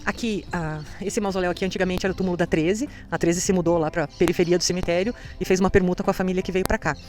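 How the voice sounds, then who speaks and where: A woman's voice: lowish voice, steady tone, rapid-fire, darkish tone. A woman guiding a cemetery tour, explaining with enthusiasm.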